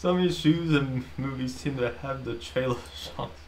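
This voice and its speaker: A man casually retelling a movie plot in a rambling, animated way while streaming a game. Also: mid-range voice, moderate pace, slight background noise. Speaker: gaming streamer. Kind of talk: casual commentary while playing.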